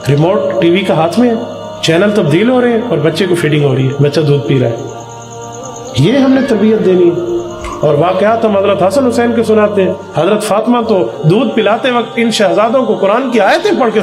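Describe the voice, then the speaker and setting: A man's voice: high voice, roomy sound. A man preaching a sermon, speaking with impassioned emphasis that rises and falls.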